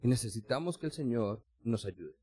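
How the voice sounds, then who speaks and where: A man's voice: medium pitch, lively intonation, moderate pace, mellow, husky, dry recording. A male preacher giving a sermon in a conversational way, speaking straight to his listeners and acting out small everyday scenes. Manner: addresses listeners directly and formally.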